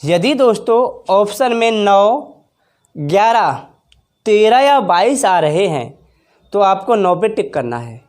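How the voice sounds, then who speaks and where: A woman teacher giving a slow, careful exam-prep grammar lesson in Hindi, drawing out vowel sounds as examples and talking to viewers as friends. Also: mid-range voice, big pitch swings, darkish tone. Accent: Hindi, from northern India. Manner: addresses viewers as friends, anticipates their questions.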